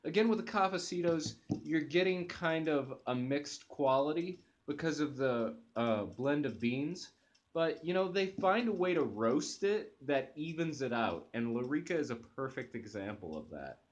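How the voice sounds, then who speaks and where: This coffee-review host is a young man sitting on his living room sofa and talking to a webcam at close range. His fairly high voice is animated and enthusiastic at a normal speed, with fillers and faltering restarts. The sound is lo-fi.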